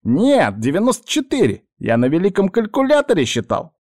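A man voicing a high, nervous male voice inside someone's head, defensive and whiny, in an audiobook. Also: wildly swooping pitch, moderate pace, a little mellow, no echo, clean studio sound, exaggerated voice. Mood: protesting.

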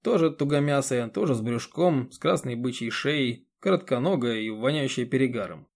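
A man reading an audiobook in a steady, even narrating voice. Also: medium pitch, moderate pace. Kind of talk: scripted narration.

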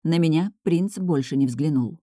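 Low-voiced woman reading an audiobook. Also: normal speed, dark tone, no echo, clean studio sound. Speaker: audiobook reader. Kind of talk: scripted first-person audiobook narration.

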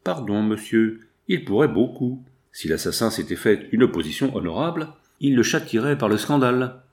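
A man's voice: medium pitch, very animated, moderate pace. A man voicing a polite, earnest young lawyer in an audiobook. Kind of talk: audiobook character reading.

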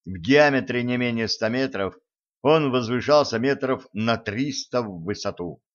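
A man narrating an audiobook in a measured, unhurried reading. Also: medium pitch, highs cut off. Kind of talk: audiobook narration of science fiction.

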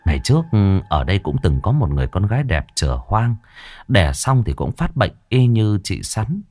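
A man narrating a horror story in a lively, vivid way. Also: normal speed, no echo. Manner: lively, vivid telling with varied pitch.

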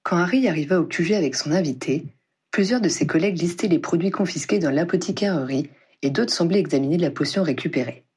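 A reader narrating a story in a steady, husky voice. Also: mid-range voice, fast. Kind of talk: scripted audiobook narration.

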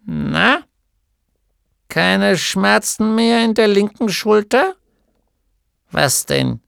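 A man's voice: high voice, lively intonation, drawn-out words, vocal fry, a bit bright, clean tone, no room sound, clean studio sound, voice pushed up, exaggerated voice. A man voicing a bossy old female gnome healer in an audiobook, with a scolding, nagging manner. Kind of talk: audiobook character voice.

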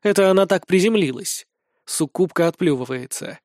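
High-voiced man narrating a fantasy audiobook. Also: expressive, normal speed, darkish tone, no echo, studio quality.

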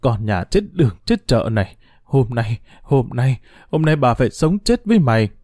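A man's voice: big pitch swings, normal speed, a little mellow, dry recording, clean studio sound, close to an everyday voice. A man voicing a bitter old mother-in-law in an audio story, cursing and wailing in a raised voice. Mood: furious. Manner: shrill, abusive scolding.

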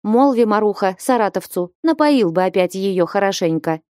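A woman's voice: medium pitch, lively intonation, normal speed, mellow, clean tone, dry recording, clean studio sound, natural voice. A woman reading an audiobook voices a bold, bossy young village woman who scolds and commands sharply. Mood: scolding.

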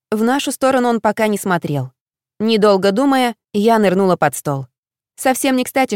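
A woman reading a first-person novel aloud as an audiobook narrator in a lively storytelling manner. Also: medium pitch, no echo, clean studio sound.

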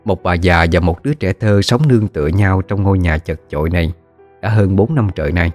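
A man narrating a ghost story in a steady, measured storytelling manner. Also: low-pitched, soft background music.

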